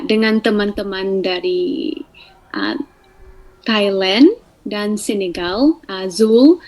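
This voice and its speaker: A young woman in her twenties, a student, giving a prepared talk with many hesitant fillers and pauses. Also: mid-range voice, rough recording. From Malaysia.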